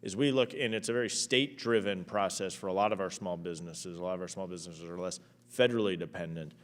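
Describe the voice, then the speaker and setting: Fast-talking man in a hearing hall. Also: low voice. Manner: halting, repeats starting words. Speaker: ranking committee member. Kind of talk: congressional hearing questioning. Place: hearing room.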